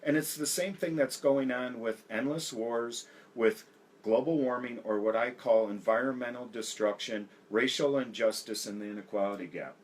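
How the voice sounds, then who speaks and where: A man's voice: medium pitch, normal speed, rough recording. An American man speaking emphatically as a political candidate in an interview, listing grievances. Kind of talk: campaign interview.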